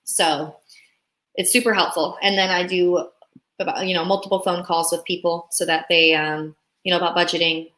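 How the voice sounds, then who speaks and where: Speaking in a lowish, bright, forceful voice, this young woman from Russia hosts a live stream as a relocation consultant. She keeps things upbeat and chatty, reading out comments from viewers as they come in.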